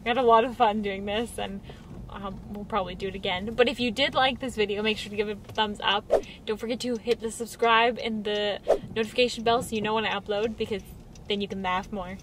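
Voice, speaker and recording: A woman vlogging from inside a car in casual chat, giggly and chatty, her voice hoarse and raspy. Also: mid-range voice, fairly even intonation, brisk, background noise. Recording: car interior with music playing. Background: music playing in the car.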